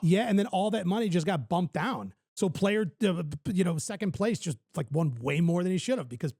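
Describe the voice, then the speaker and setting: A man's voice: high voice, lively intonation, brisk, mellow, no echo, clean studio sound. A man hosting a casual talk show, bantering and joking with his panel. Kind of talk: casual chat.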